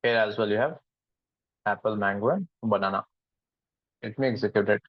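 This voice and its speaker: A man's voice: lowish voice, normal speed, no echo, muffled recording. A man teaching a live online programming class, switching between English and Hindi and asking the students questions. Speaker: programming instructor.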